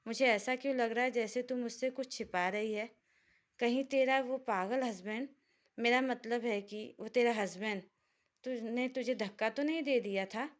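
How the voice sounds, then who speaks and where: A woman's voice: fairly high pitch, natural voice. Woman doing a fussy, fiery young woman. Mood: excited, scolding. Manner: excitable, scolding, fast. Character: irritable young wife's friend, dramatic woman.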